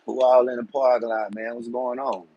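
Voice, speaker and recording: A man's voice: medium pitch, little pitch movement, normal speed, highs cut off. A man, hosting a casual live stream and chatting loosely with viewers in streetwise slang. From Georgia, USA. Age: 40s. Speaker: livestream host.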